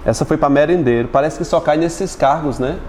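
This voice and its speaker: A man with a Brazilian Portuguese accent teaching an exam-prep lesson, chatty and joking, stretching words out slowly as he splits syllables. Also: a little high, a little mellow, slight background noise. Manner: chatty, jokes with students, spells words out slowly.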